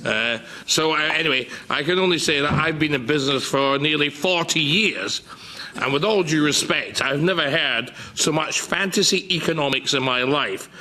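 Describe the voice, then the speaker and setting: An older man making an indignant speech in a formal debate. His voice is bright and forceful, sitting a little high. He leans scornfully on key phrases and stumbles here and there as he rants. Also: a little hiss or hum. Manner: indignant, scornful, emphatic, with halting hesitations. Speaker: politician giving a speech in parliament. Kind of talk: political rant in a formal debate.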